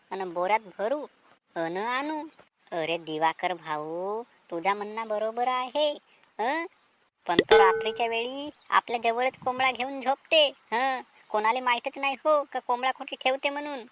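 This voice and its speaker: Woman voicing timid plotting village thieves. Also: fairly high pitch. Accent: Vidarbha Marathi. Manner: conspiring, hushed plotting. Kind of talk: cartoon drama voice acting.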